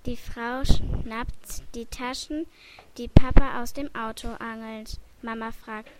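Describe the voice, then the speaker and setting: A woman reading a children's book aloud slowly and carefully, with small slips and restarts. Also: on the high side, steady tone, very noisy. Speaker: story reader.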